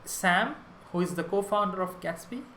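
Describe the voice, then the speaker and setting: A man's voice: sits high, moderate pace, bright, forceful tone, roomy sound, a little hiss or hum, poor audio. A young man from Sri Lanka giving a prerecorded conference talk on web development, enthusiastic and explanatory, with small restarts.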